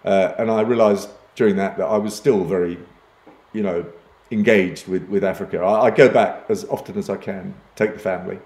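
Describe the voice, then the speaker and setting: A man's voice: low voice, steady tone, fairly quick, a little mellow, roomy sound. An older man grew up in East Africa and speaks as a podcast guest, self-deprecating and often restarting his sentences. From Uganda and Kenya. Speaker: podcast guest, advertising executive. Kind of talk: conversational interview.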